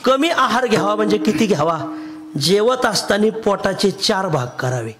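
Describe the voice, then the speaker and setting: A man's voice: high voice, sing-song, moderate pace, a bit bright. A man from Maharashtra preaching a devotional kirtan sermon, telling stories with humour and sing-song emphasis, often laughing as he talks.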